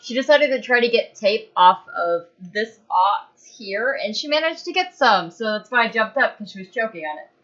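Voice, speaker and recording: A woman's voice: on the high side, animated, moderate pace, hardly any pauses, fairly bright tone, muffled recording. A woman chatting casually on a podcast stream in a chatty, apologetic way. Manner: chatty, apologetic, talks about her cats.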